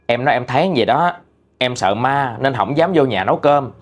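A man's voice: medium pitch, expressive, brisk, soft background music. Man chatting through a ghost story. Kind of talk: reading a listener's ghost story.

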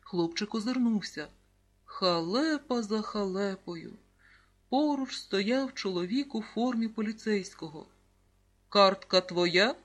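A narrator calmly reading a children's book aloud, announcing page numbers. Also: medium pitch, a little slow. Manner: calm, even storytelling, reading out page numbers. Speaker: audiobook narrator.

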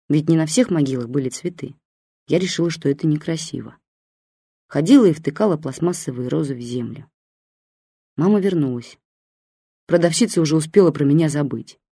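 Calm female audiobook narrator, mellow dark tone, dry studio sound. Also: low voice, husky, no echo. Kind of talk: first-person story narration.

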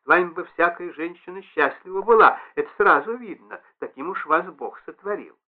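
Man doing a stout fussy concierge woman, wheedling and effusive, lively up-and-down voice, tinny radio sound. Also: sits high, normal speed. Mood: gushing. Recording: tinny band-limited radio broadcast.

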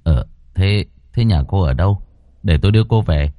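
A man's voice: low-pitched, moderate pace, warm tone, dry recording, close to an everyday voice. A man voicing a polite young village man who offers help, speaking plainly with hesitant fillers.

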